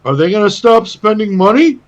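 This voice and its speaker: A man co-hosting a casual gaming podcast, animated and swearing freely, often stammering and restarting. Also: high-pitched, a little fast, lo-fi sound. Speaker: podcast co-host.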